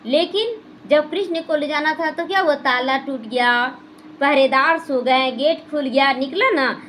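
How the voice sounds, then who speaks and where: A woman's voice: high voice, unhurried, a bit bright, slight background noise. A woman teaching a spiritual class, explaining the day's lesson and putting questions to the class. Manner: explanatory, asks the class questions and answers them. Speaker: Brahma Kumaris class teacher. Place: small gita pathshala classroom.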